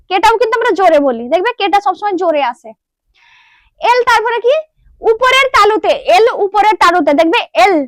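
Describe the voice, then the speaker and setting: A woman, teaching beginners in a patient classroom manner. She asks a question and then answers it herself. Her voice sits very high and sounds close and dry, with no room echo. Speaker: English teacher. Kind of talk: classroom lesson.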